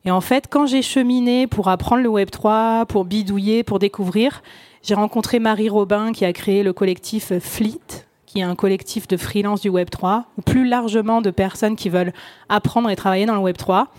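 A woman's voice: medium pitch, fairly even intonation, moderate pace, a little mellow, no echo. A woman podcaster talking on a round-table panel in a loose, chatty way, full of fillers and restarts. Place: conference stage.

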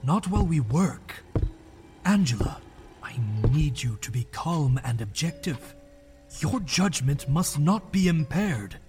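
A man playing a cold, controlled ghostly father and scientist in an audio drama, measured and clinical. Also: on the high side, expressive, a little mellow, faint music behind. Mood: stern. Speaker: researcher.

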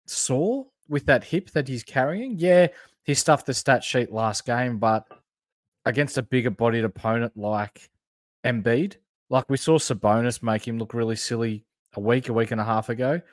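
A man's voice: mid-range voice, dry recording, clean studio sound. A man with a broad Australian accent, talking in an informal, agreeable, slangy way as a sports podcast co-host. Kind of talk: casual basketball analysis chat.

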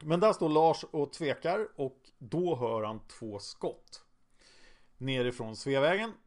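A man's voice: mid-range voice, expressive. Male podcast narrator, casual true-crime storytelling, conversational with hesitant fillers.

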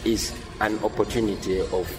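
A man's voice: fairly low pitch, normal speed. A man casually showing visitors around a music studio, heard in a poor-quality field recording played as a clip. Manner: relaxed, laughing, introducing people. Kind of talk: informal tour talk on location. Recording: rough, distant field recording with loud music behind. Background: music playing.

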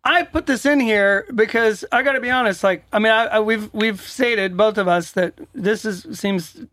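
A man in his forties co-hosting casual chat, measured and reading from article notes. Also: high voice, a bit bright, no room sound. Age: 40s. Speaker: podcast co-host.

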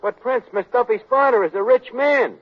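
An actor playing a brash, wisecracking, scheming tavern manager in a 1940s radio comedy. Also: male voice, extremely high pitch, moderate pace, breathy edge, lo-fi sound. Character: fast-talking scheming male tavern manager. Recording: old radio broadcast with audience.

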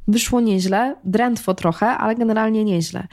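A woman's voice: mid-range voice, moderate pace, a little mellow. A woman speaking as a podcast guest in casual conversation, engaged and talkative, often restarting phrases.

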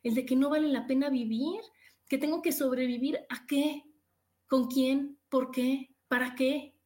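A woman's voice: high voice, fairly even intonation, a little slow, warm tone, reverberant. A middle-aged woman hosting a motivational podcast, emphatic and full of rhetorical questions. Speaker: podcast host. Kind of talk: motivational talk.

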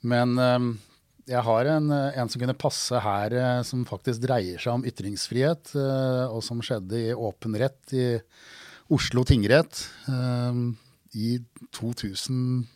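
Male lawyer, mid-pitched, measured and wry, telling a courtroom anecdote in a dry, close recording. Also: fairly even intonation, darkish tone, dry recording. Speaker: lawyer, podcast guest. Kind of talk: anecdotal storytelling.

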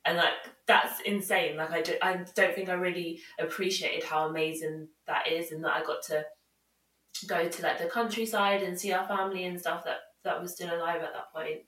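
A woman's voice: on the low side, fairly even intonation, normal speed, a bit bright. Chatty young British woman in a roomy space. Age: young adult. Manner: chatty, self-mocking, heavy use of "like". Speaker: podcast co-host. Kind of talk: casual chat, animated anecdotes. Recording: roomy echo, distant from mic.

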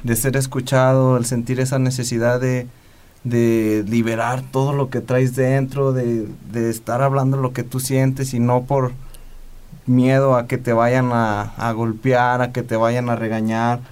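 A man's voice: mid-range voice, level tone, a little slow, a little mellow, smooth. A man speaking in an earnest, reflective way during a casual podcast conversation.

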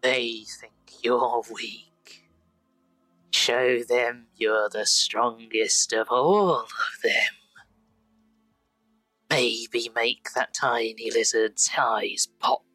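A man's voice: medium pitch, extremely slow, long pauses, sharp tone, dry recording, faint music behind, exaggerated voice, rough recording. A man voicing a mysterious, grinning, smarmy tempter with an oily, insinuating purr, in a tabletop game. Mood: sly goading. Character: mysterious smarmy tempter, grinning, yellow-teethed, coaxing to violence.

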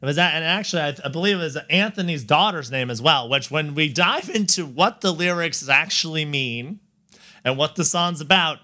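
A man's voice: on the high side, moderate pace, sharp tone. A man hosting a podcast in casual chat, rambling with fillers and laughing often. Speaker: podcast host.

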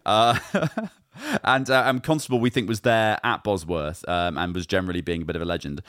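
A man with a fairly low voice talks through history on a comedy podcast. He stumbles along with ums and restarts. The sound is dry, with no room echo. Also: fairly bright tone, clear, resonant tone. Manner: halting, full of ums and restarts. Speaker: podcast host. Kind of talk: casual comedic history chat.

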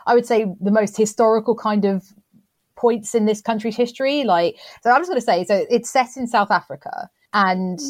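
A woman's voice: on the high side, moderate pace, no echo. A woman co-hosting a podcast in casual, chatty talk, self-deprecating and full of restarts. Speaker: podcast co-host. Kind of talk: casual chat.

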